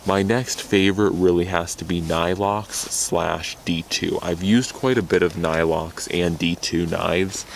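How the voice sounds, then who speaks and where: Deep gravelly young man reviewing knives. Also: slight background noise. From United States. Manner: rambling, self-correcting, enthusiastic about gear. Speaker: knife reviewer. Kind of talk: casual gear review. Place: outdoors in snow.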